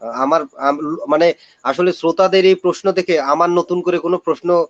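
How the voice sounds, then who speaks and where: A man hosting a live talk show, soft-spoken and brief as he reads out listener questions. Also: a little high, normal speed, no room sound. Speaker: host. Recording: dull, dry lo-fi audio.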